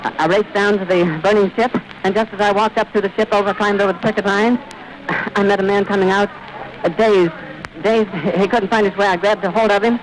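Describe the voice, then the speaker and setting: 1930s radio guy describing a scene live outdoors, highish voice, urgent, stops to get his breath, faint hiss. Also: steady tone, low-quality recording. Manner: vivid, urgent descriptive commentary with pauses to catch breath. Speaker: radio reporter. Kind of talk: live eyewitness radio report. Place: outdoors at an airfield. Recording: old 1930s archive radio recording with hiss.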